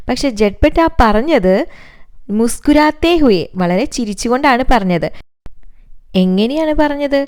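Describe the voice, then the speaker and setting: Casting: Malayali woman teacher, voice a bit high, reads a line then explains it, asks the class questions. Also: a little mellow. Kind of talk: lesson explaining a Hindi text in Malayalam.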